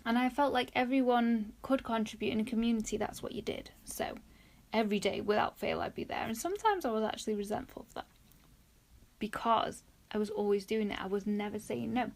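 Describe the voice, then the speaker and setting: A woman hosting a reflective solo podcast, speaking softly and musingly, often dropping into a near whisper. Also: on the high side, a little fast, vocal fry. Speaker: podcast host.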